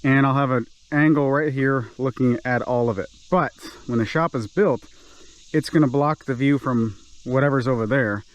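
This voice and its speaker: Out in a wooded clearing, a man talks casually to camera as he works his land, musing aloud in a chatty, self-mocking way and sounding a bit winded. His mid-range voice moves at an ordinary pace, and the recording comes across muffled.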